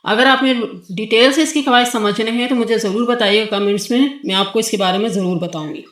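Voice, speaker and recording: A woman's voice: a little high, fairly bright tone, roomy sound. A woman teaching Quranic letter pronunciation to a child, patiently explaining and stretching out sung syllables for the child to repeat. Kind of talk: tajweed lesson with a child.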